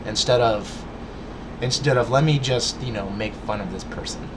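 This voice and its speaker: A vlogger with a mid-range voice rants to his viewers at normal speed, earnest and lecturing as he addresses them directly. He stutters, restarts often, and leans on fillers, with background noise behind him.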